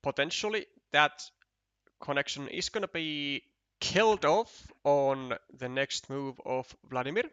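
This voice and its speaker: A man's voice: a little high, unhurried, a bit bright, clear, resonant tone, dry recording, muffled recording. A man commentating a competitive board game match, thinking aloud, counting tiles and often restarting his sentences. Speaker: esports commentator.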